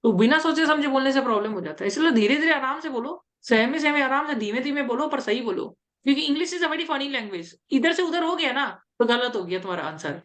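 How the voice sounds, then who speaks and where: Chatty higher-voiced woman coach. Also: animated, a little fast, fairly bright tone. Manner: chatty, repetitive reassurance, mixes English terms into speech. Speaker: interview coach. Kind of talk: casual coaching talk.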